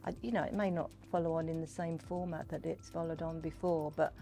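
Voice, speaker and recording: A woman's voice: low-pitched, fairly even intonation, fairly quick, creaky, warm tone, faint music behind. An older woman, chatting in a discursive, storytelling way as she gives an informal interview. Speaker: Pearly Queen and community fundraiser, interviewee. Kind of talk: informal interview talk about history and culture.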